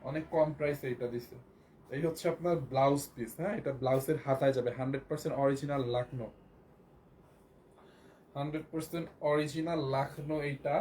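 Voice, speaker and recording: A hoarse man with a Bangladeshi Bengali accent, selling clothes on a live stream and repeating prices again and again. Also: a little high, fairly even intonation, fairly quick, darkish tone, a little hiss or hum. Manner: repetitive, keeps repeating prices and urging viewers to buy. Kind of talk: live shopping sales pitch.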